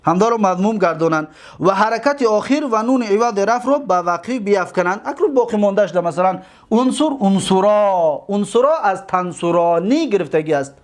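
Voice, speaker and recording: A man teaching a grammar lesson, repeating word forms slowly and asking his own questions. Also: sits high, lively intonation.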